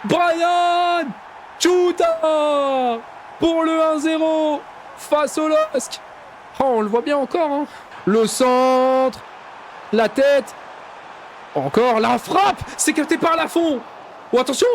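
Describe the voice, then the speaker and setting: Very high-voiced hyped game commentator man. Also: slow, pauses often, a little hiss or hum. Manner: hypes goals with shouts and mock-commentator exclamations; drops to low, mumbled asides between bursts. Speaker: gaming YouTuber. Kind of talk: excited play-by-play commentary over a football video game.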